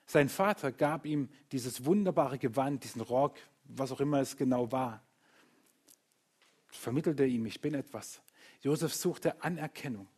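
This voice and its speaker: A man preaching a sermon to a congregation, lively and playful, acting out other people's voices and joking with the listeners. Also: medium pitch, measured pace, husky. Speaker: pastor.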